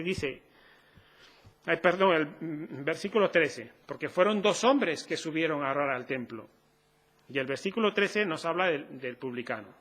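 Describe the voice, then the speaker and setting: A man's voice: a little high, fairly bright tone, slightly rough. A man preaching a sermon in an earnest, conversational way, asking the congregation rhetorical questions.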